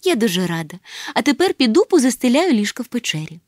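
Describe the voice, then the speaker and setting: A woman as a calm, homely mother creature. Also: on the high side, fast, no room sound, clean studio sound. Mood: gentle.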